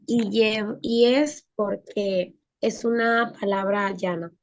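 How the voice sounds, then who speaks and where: A woman's voice: mid-range voice, fairly even intonation, slow pace, no echo. A woman student answering in an online class, hesitating as she works through her answer.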